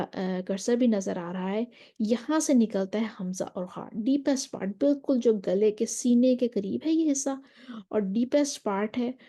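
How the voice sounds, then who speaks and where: A woman with a slightly high, dark-toned voice leads an online Quran recitation lesson. She works through a diagram patiently, one step at a time, slipping in English terms.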